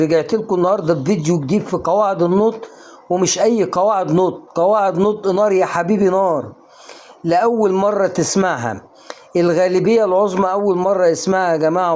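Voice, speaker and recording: A man's voice: sits high, darkish tone. An Egyptian man teaching English pronunciation in a casual online lesson, coaxing the viewer with questions he answers himself. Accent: Egyptian Arabic.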